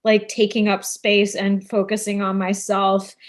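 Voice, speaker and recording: A woman co-hosting a casual podcast chat, animated and laughing, with many filler words. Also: medium pitch, a little slow. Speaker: podcast co-host.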